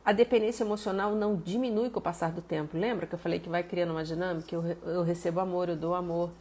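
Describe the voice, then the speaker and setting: A woman's voice: fairly low pitch, fairly even intonation, quick pace, a little mellow, slight background noise. A Brazilian woman therapist giving a live-streamed teaching talk, explaining step by step, greeting viewers by name and using homely examples. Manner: fond of diminutives, homely examples. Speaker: therapist and body analyst.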